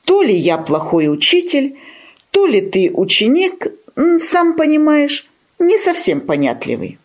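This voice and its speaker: A woman's voice: high-pitched, huge pitch swings, unhurried, pitched above the performer's own voice, exaggerated voice. A woman voicing a proud, boastful male rooster in a storybook tale, pompous and condescending. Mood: patronizing.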